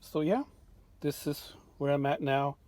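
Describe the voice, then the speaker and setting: Speaking in a fairly high voice and at an unhurried pace, a vintage radio restorer casually shows off his restoration projects in his home workshop. The talk is unscripted and easygoing, with many fillers and restarts.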